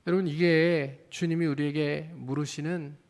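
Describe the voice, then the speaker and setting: A man's voice: a little high, fairly even intonation, moderate pace, a little mellow. Earnest pastor preaching to his congregation. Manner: earnest, addresses the congregation with questions. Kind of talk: sermon. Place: church.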